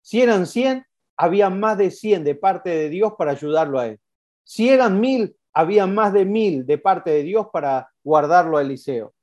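A preacher, giving an animated sermon full of repetition and rhetorical questions. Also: medium pitch, moderate pace.

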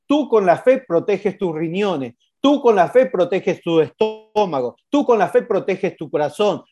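Animated preacher, mellow voice. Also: mid-range voice. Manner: animated, repetitive, rhetorical questions. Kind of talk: sermon.

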